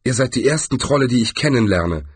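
A man's voice: mid-range voice, lively intonation, brisk, slightly rough, no echo, voice pushed up. A man voicing a nervous, fretful male wizard in an audiobook reading. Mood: wary.

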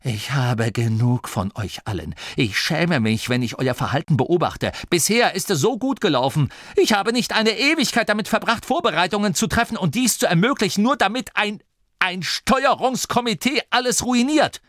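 A man's voice: high-pitched, animated, normal speed, a bit bright, no room sound, studio quality, pitched above the performer's own voice. A man doing a small furious nome chief. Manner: scolding, raised voice. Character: small angry nome leader, male, fed up.

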